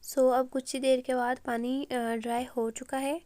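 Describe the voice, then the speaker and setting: Hoarse woman, cooking voice-over, fairly high voice, flat steady delivery, dry close sound. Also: no echo. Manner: calm, step-by-step with frequent "uh" pauses. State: sore throat, hoarse. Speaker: cooking channel host. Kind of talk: recipe voice-over.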